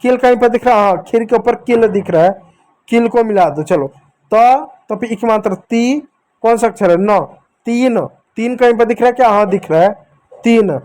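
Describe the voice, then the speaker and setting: Man slowly sounding out letters for children. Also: extremely high pitch, a little mellow. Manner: drawn-out syllable-by-syllable sounding out; coaxing, addresses dear children, asks them to repeat. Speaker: teacher. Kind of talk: children's reading lesson.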